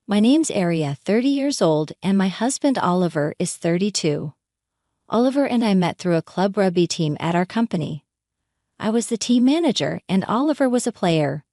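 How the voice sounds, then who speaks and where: A woman narrating a first-person family drama story in an expressive, lively manner. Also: medium pitch, dry recording, studio quality.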